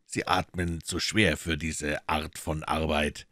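A man voicing a calm, ironic detective in a German audiobook, speaking low and measured. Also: dry recording, studio quality, heavily acted. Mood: cool ironic. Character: Sherlock Holmes, cool calm detective, man.

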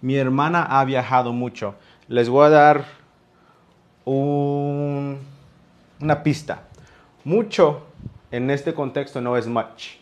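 A man with a Mexican Spanish accent teaching an online class, his voice sitting at an ordinary middle pitch. He talks slowly and patiently and stretches out each example so that learners can follow. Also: fairly even intonation. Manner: slow, patient explaining with drawn-out examples. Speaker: English teacher. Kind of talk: live online class explanation.

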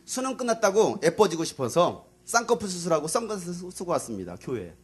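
Animated husky-voiced male youth pastor. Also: high-pitched, quick pace. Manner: animated, swings between loud emphasis and quiet asides, banmal to teens. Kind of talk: youth sermon.

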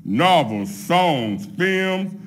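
A middle-aged man preaching a sermon from a pulpit, laying out his points one by one in a measured way. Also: on the high side, big pitch swings, faint music behind. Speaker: pastor. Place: church sanctuary at a pulpit, empty pews behind. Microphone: microphone on a pulpit stand.

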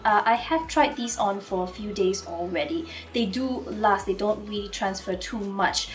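Hoarse, nasal woman reviewing lipsticks. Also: mid-range voice, far from the mic. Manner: chatty, with frequent uh fillers. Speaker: beauty reviewer. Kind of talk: casual product review to camera. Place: Singapore.

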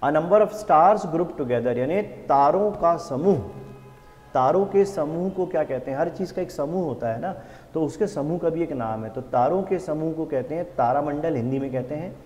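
A man teaching an exam-prep vocabulary lesson. He reads English definitions out slowly and repeats each answer back as a question. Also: fairly high pitch, a little mellow, long reverb tail. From India.

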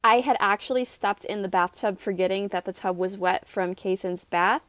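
Over music, a woman in her twenties with an American accent narrates a casual home vlog. Her medium-pitched voice moves at a normal speed, and her manner is chatty and upbeat.

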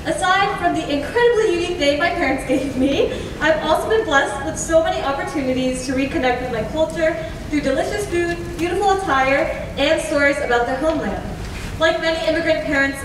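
A woman's voice: sits high, fairly quick, background noise. A teenage girl from the United States, reading prepared remarks as fashion show announcer on a school stage. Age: teens. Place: large school auditorium stage. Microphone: handheld mic, heard from far off. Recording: echoey auditorium from far off, loud crowd and music.

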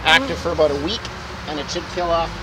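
A man's voice: a little high, fairly even intonation, fast talker, background noise. Upbeat man demonstrating beekeeping outdoors. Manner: friendly, explains step by step while working. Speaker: beekeeping vlogger. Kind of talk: casual how-to vlog. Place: outdoors in a garden beside beehives.

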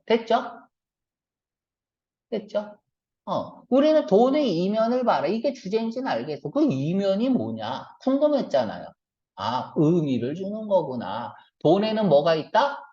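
Male reading teacher, animated lecture delivery, fires off rhetorical questions, dull lo-fi recording. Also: high voice. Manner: asks the class quick questions and answers them himself; mixes casual and polite speech. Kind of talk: classroom lecture.

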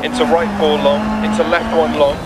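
A man playing a focused rally co-driver in a racing game, calling rapid pace notes in clipped, businesslike, urgent phrases. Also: fairly high pitch, flat delivery, natural voice. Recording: loud car engine and tyre noise. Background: racing car engine, gravel and tyre noise.

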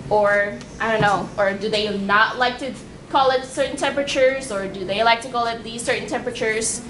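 Young woman explaining her lab work casually, kinda high voice, echoey room w/ noise behind. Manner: casual, chatty, frequent fillers and restarts. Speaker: lab researcher giving public science talk. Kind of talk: informal public science talk. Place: library meeting room.

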